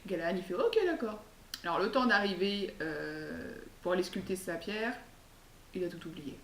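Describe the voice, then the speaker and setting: A woman's voice: lowish voice, normal speed, a bit bright. A woman telling a folk tale in a casual, chatty way, full of hesitant fillers and asides. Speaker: storyteller. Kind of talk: casual oral storytelling. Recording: echoey room, far mic, faint hiss.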